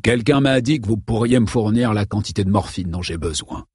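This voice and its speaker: A man's voice: lowish voice, brisk, a little mellow, slightly rough, dry recording, studio quality. A man voicing Holmes, an adult male detective posing as a drug addict, with a pleading, plain delivery.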